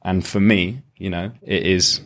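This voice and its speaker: Deep-voiced man, thoughtful and unhurried. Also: steady tone, a bit bright. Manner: thoughtful, explains at length with frequent restarts. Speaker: podcast guest, lyricist. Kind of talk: reflective conversational interview.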